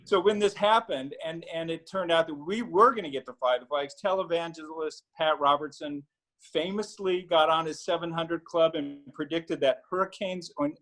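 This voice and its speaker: A middle-aged man, an attorney, telling a story on a video call panel in a relaxed way with many fillers and restarts. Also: a little high, rough recording. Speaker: attorney and newspaper founder.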